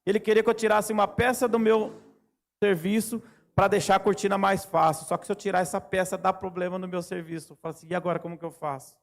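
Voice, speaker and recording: A man's voice: sits high, flat delivery, fast talker, creaky. A Brazilian man preaching a sermon in a church, telling everyday stories and acting out his own conversations. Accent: Brazilian Portuguese. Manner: storytelling, acts out his own dialogues.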